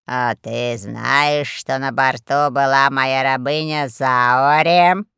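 A performer voicing a fat, lazy alien overlord who speaks in a slow, low drawl, in an audiobook. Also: fairly even intonation, creaky, bright, forceful tone, smooth, no echo, studio quality, heavily acted. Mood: lazy menace.

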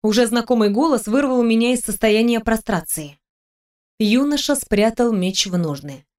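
A woman with a slightly high voice narrates a fantasy novel in the first person, reading it as an audiobook. Her storytelling is expressive and steady, drawing the listener through the scene. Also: moderate pace. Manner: expressive storytelling, with the heroine's lines read in her own voice.

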